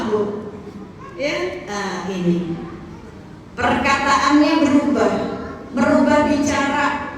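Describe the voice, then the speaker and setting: A woman preacher with a high voice gives a chatty, teasing sermon and keeps turning to the women in the audience. She sounds far from the mic in a big hall, with long, heavy echo and faint noise underneath. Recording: very echoey, distant hall recording.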